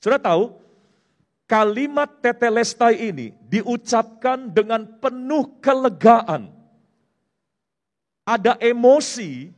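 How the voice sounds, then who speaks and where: A man preaching a sermon in a church, explaining a word step by step and mixing in English terms. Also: very high-pitched. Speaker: pastor. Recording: long hall reverb.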